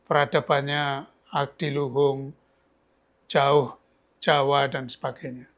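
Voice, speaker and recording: An older man from Yogyakarta, Indonesia, the author of a book, tells stories as a guest in a casual, chatty interview, often restarting his sentences. His mid-range voice is level in tone, slow, and a little bright.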